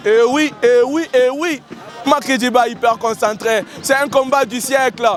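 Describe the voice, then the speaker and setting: A man with a hoarse voice, giving live, excitable commentary at an outdoor wrestling gala and often repeating his lines. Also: extremely high pitch, moderate pace. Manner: excitable, shouting, repeating phrases. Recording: outdoor event with loud crowd and music.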